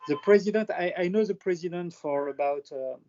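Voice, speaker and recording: French man, halting video-call chat. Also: high voice, mellow. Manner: hesitant, many fillers and restarts. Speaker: presenter on France in a video call. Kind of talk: casual chat. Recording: dull lo-fi call audio.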